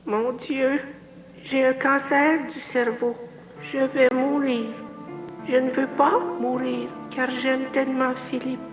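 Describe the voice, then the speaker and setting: A woman playing a melodramatic, lovesick ailing woman in a soap parody, with deliberately bad, stilted, overwrought acting. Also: sits high, level tone, reverberant, in a large hall, faint music behind, low-quality recording. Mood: overwrought despair.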